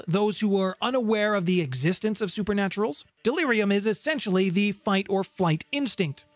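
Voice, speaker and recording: The host of a tabletop game lore channel, a middle-aged man with a high voice, gives a scripted, playfully theatrical explainer on game lore. Recorded indoors in a home room with guitars on a close studio condenser mic with a pop filter, the audio has no echo and carries background music.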